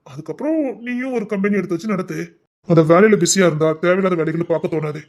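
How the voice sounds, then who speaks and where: A man's voice: high voice, fast talker, a little mellow. A man playing a stern, insistent husband who scolds his wife in a colloquial family drama.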